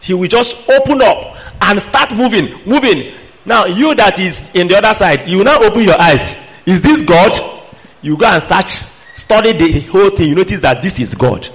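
A man's voice: sits high, lively intonation, normal speed, a bit bright, low-quality recording. A man with a Nigerian accent preaching a sermon, emphatic and admonishing, putting pointed questions to his listeners. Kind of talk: sermon to a fellowship.

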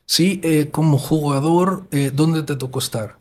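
A man hosts a relaxed football podcast. He talks in an easygoing way, circling back with fillers and repeated words as he sets up his questions. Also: a little high, measured pace. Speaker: podcast host. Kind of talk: casual chat.

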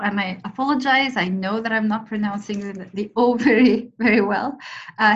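Enthusiastic woman co-host, muffled remote audio. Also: medium pitch. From Algeria. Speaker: podcast co-host. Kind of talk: podcast introduction.

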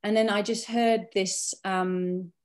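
A woman's voice: medium pitch, fairly even intonation, slow, darkish tone, clean tone. A middle-aged woman from Britain, an archaeologist and Druid, telling a personal story in a rambling way, with many restarts and fillers.

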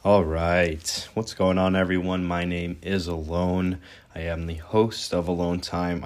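A young man with a deep, low voice hosts his own podcast and tells his life story straight to the listener. He speaks earnestly and candidly, now and then restarting a word. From born in Israel, raised in New York. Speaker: podcast host. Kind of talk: personal storytelling monologue.

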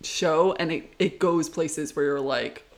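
Podcast co-host, chatty and enthusiastic, laughs easily, mid-range pitch. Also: takes it slowly. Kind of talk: casual chat.

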